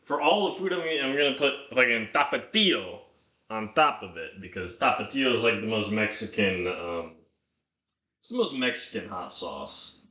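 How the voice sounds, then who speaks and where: A man with a slightly low, bright voice talks casually to himself and his viewers. He rambles as he thinks aloud and swears freely. The room around him is clearly echoey. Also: big pitch swings, moderate pace. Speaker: streamer cooking on a livestream.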